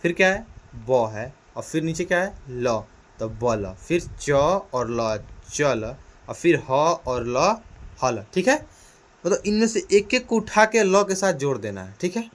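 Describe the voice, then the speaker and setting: A man teaching a children's lesson in a small room, speaking loudly and energetically, repeating questions to the class and sounding out letters. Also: a little high, big pitch swings, slow.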